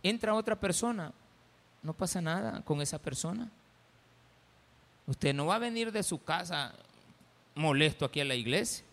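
Salvadoran pastor preaching, joking around with the congregation, brightish high voice, long church hall echo. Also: male voice, lively intonation, moderate pace, vocal fry, pauses often. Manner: folksy, teasing, acts out little scenes. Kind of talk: sermon.

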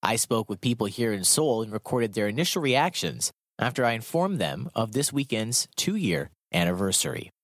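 A man reporting a radio news feature, reading a script in a measured, formal way. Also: mid-range voice, big pitch swings, a bit bright, no echo.

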